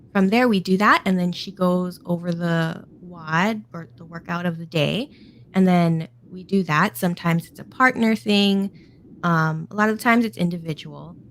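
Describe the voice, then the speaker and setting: A woman's voice: fairly low pitch, a little hiss or hum. A woman chatting casually and encouragingly as a guest mom, often laughing. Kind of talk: casual chat.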